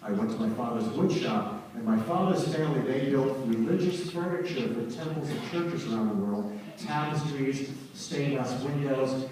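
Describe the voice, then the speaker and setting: A middle-aged man, a musician, telling stories to a concert audience with lively energy and jokes for the crowd. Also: mid-range voice, normal speed. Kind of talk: lively stage talk to an audience. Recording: very echoey hall, distant mic, faint noise.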